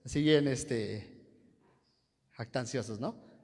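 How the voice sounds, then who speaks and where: A man's voice: mid-range voice, takes it slowly, darkish tone, slightly rough, in a large hall. A man preaching a sermon, constantly quizzing the congregation and waiting for them to answer. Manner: call-and-response, quizzing the congregation.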